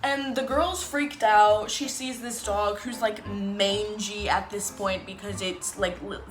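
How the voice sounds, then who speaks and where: A woman's voice: mid-range voice, fairly even intonation, slow, echoey room, faint music behind. A young woman in a casual, rambling rant full of fillers and sarcastic asides, speaking as a book vlogger at home.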